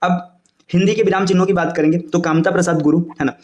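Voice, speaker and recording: A man teaching Hindi grammar for exam coaching, explaining fast and checking in with "है ना" and "देखिए". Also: high voice, steady tone, darkish tone, roomy sound.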